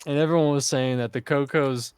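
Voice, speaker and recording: A man hosting a casual gaming stream chat, talking in a deadpan, droll way. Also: mid-range voice, fairly quick, clean tone, dry recording, clean studio sound. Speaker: streamer and host.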